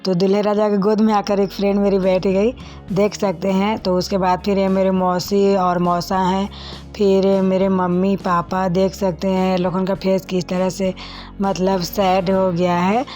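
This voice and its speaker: A woman's voice: mid-range voice, monotone, measured pace, mellow, faint music behind. A young woman, narrating her own wedding video in a casual, chatty voice-over and talking straight to her viewers as friends. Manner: chatty, addresses viewers as friends, many fillers.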